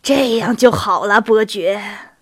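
A woman reading the lines of a stern older cavalry captain, deliberate and reproachful. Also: mid-range voice, husky, no echo, clean studio sound, pitched below the performer's own voice. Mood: firm.

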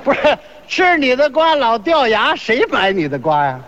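A man's voice: very high voice, very animated, normal speed, fairly bright tone. A man performing comic crosstalk, firing back teasing retorts and sing-song vendor cries. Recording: dull lo-fi recording.

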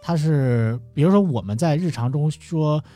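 A man with a Beijing accent telling stories in casual conversation, explaining things deliberately and pausing to find words. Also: on the high side, expressive, warm tone, faint music behind. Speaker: guest storyteller. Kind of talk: casual storytelling chat.

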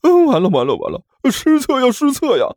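A man voicing a whiny younger sworn brother who begs, high and fast, in a husky voice with soft music behind. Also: huge pitch swings, no room sound, studio quality, exaggerated voice. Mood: panicked. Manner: high, fast, wheedling and begging.

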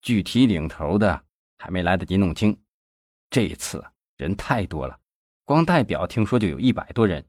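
A man's voice: medium pitch, very animated, vocal fry, husky, no echo, clean studio sound, pitched above the performer's own voice, heavily acted. A man doing a breathless, panicky nephew. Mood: panicked. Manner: breathless, whining, rushed. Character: panicky young male nephew, shady businessman.

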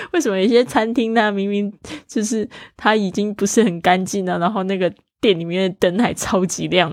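A woman hosting a casual podcast English lesson, explaining at a chatty pace and slowly repeating phrases for practice, with Mandarin as her first language. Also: fairly low pitch, no echo, clean studio sound. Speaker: podcast host and English teacher.

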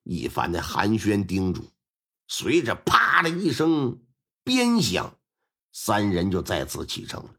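A man telling a traditional crime story aloud in a lively, colloquial manner, stretching out the particles at the ends of his phrases. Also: lowish voice, husky. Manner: lively, colloquial, with drawn-out sentence-final particles. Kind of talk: Chinese storytelling performance.

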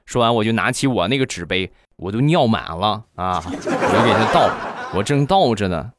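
A man's voice: lowish voice, dry recording. Young guy telling funny stories, voice jumps all over, dry close sound. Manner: lively, acts out quoted voices. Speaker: comedy podcast host. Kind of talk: storytelling jokes.

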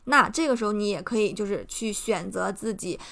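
A woman's voice: mid-range voice, brisk, vocal fry, fairly bright tone. A young woman from China hosting a podcast, giving earnest, encouraging advice and explaining it step by step. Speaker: podcast host. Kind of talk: casual advice talk.

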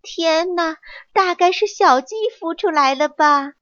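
A woman doing a squeaky, panicky little monkey. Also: unhurried, no room sound. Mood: panicked pleading. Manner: high, excited, whining pleas. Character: greedy, sly little male monkey, easily scared. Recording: dull lo-fi, dry.

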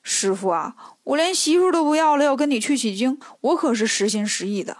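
Lady doing hungry whiny pig disciple, pleading, high voice. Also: lively intonation, a little fast, no room sound, studio quality.

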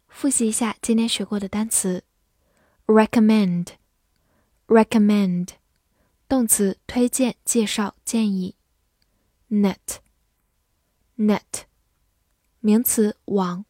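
A woman teaching English vocabulary in a scripted lesson, reading each example sentence slowly and carefully. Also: medium pitch, darkish tone, no echo, clean studio sound.

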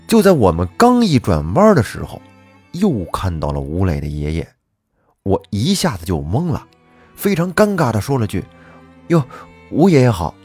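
A man's voice: fairly low pitch, normal speed, breathy edge, soft background music. A man hosting a folk-tale show, narrating a story dramatically and expressively. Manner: lively, expressive, acting out quoted voices. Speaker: storyteller host.

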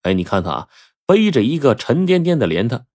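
A man telling a story in a lively, chatty way, with asides and rhetorical questions to the listener. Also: mid-range voice, fairly quick, dry recording, clean studio sound. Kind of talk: storytelling narration.

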